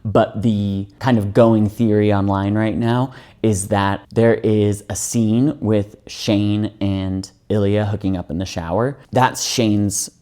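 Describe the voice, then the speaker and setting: Low-voiced chatty man reviewing a show. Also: steady tone, slow pace, dark tone. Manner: chatty, full of "like" fillers, thinks aloud. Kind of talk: casual video commentary.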